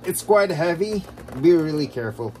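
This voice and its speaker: A man vlogging a casual how-to walkthrough, explaining in a rambling, halting way, recorded on a low-quality phone camera. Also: animated, warm tone. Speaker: DIY vlogger.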